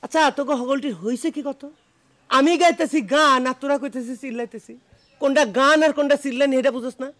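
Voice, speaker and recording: A man's voice: extremely high pitch, steady tone, quick pace, a bit bright. An actor playing a middle-aged, belligerent drunk village father in a comic TV drama, ranting sarcastically in a rural Bangladeshi accent. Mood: indignant.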